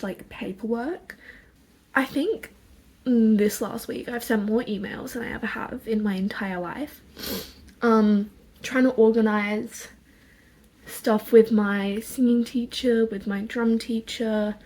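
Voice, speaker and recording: A young woman talks casually to her phone indoors while getting ready. Her voice is fairly high and a little husky, kept quiet so the household is not woken. She rambles chattily and is self-deprecating. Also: rough recording. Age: young adult. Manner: speaking quietly so as not to wake anyone. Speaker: vlogger. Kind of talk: casual chat while doing makeup. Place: indoors in own room. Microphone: phone propped on a music stand.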